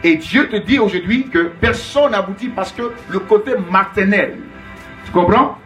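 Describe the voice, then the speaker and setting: A man's voice: sits high, moderate pace, a bit bright, soft background music. A man preaching as a prophet, emphatic and repetitive, calling out names and Alléluia in call-and-response.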